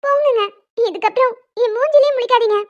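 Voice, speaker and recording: A fretful, sulky young bride-to-be in a cartoon, voiced by a woman. The voice is extremely high and thin, and the recording sounds dull and lo-fi. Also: brisk. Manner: fretful, sulky, mock-quarrelsome. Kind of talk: animated cartoon dialogue.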